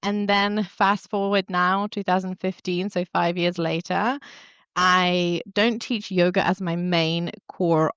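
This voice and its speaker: Her fairly low, slightly bright voice carries a reflective, open account of her own story, punctuated by small laughs, as she answers questions as an interview guest. She is in her thirties, a yoga teacher and wellness coach born in Poland and raised in England. The recording is lo-fi with no echo.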